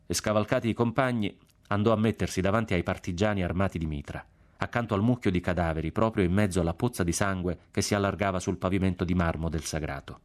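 A man reading a novel aloud in measured, grave storytelling narration. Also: deep voice. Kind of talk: audiobook narration.

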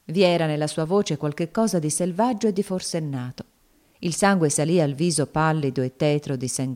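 A woman narrating a novel in a measured, solemn audiobook reading. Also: sits low, mellow.

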